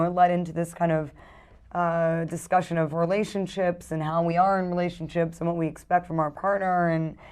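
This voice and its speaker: A woman's voice: on the low side, a little mellow, clean tone. A woman actor talking casually in an interview, hesitant and full of fillers and restarts. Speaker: actress in a film interview.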